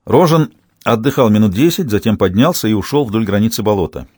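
Expressive male audiobook narrator. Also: on the low side, brisk, breathy edge, dry recording, studio quality. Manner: expressive storytelling. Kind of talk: scripted narration.

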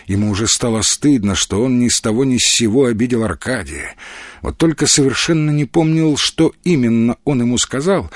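A man narrating a literary novel as an audiobook in a measured, expressive way. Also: mid-range voice, no echo, studio quality.

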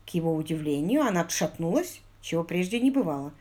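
A woman narrating an audiobook in an expressive, ironic storytelling manner. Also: on the low side, fast.

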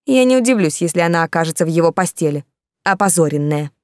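Lady voicing a shrill gossipy baroness in a storybook, indignant, dry close sound. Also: animated, quick pace, a little mellow, no room sound, lightly acted. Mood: scheming. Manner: indignant, high and agitated. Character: shrill scheming noblewoman, older, fawning baroness.

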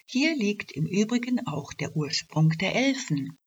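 A woman's voice: mid-range voice, very animated, unhurried, husky, pitched above the performer's own voice. A woman doing a dry lecturing forest expert. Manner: lecturing and matter-of-fact. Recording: dull lo-fi radio recording.

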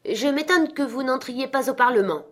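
A woman's voice: high voice, moderate pace, pitched above the performer's own voice. A woman voicing Scrooge, a grumpy miserly old man who answers curtly and scolds, in an audiobook reading. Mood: sneering. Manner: curt, scolding.

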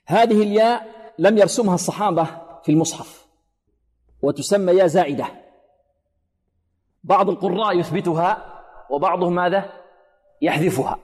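A man teaching Quran recitation in a radio lesson, explaining letter sounds, often asking his listeners rhetorical questions and chanting words slowly to demonstrate them. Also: high voice, darkish tone, husky, long reverb tail.

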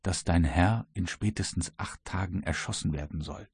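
A male audiobook reader voicing a worried but resolute ship captain, with a husky voice. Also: deep voice, moderate pace, no room sound, clean studio sound, full character voice. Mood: earnest. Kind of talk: audiobook reading.

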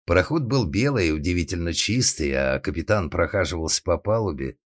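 A man narrating a comic story in a deadpan, ironic storytelling manner. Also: low-pitched, brisk, no room sound.

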